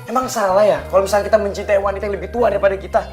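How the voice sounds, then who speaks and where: A man's voice: sits high, steady tone, very fast, soft background music, natural voice. An actor playing an earnest young college student who reassures his girlfriend tenderly. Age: young adult. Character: earnest young college boyfriend, sweet talker.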